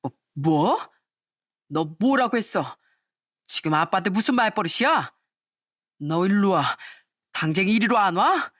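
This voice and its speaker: A woman's voice: medium pitch, big pitch swings, unhurried, pauses often, a bit bright, no room sound, studio quality. A woman voicing a rude middle-aged husband in a storybook drama, curt and defiant.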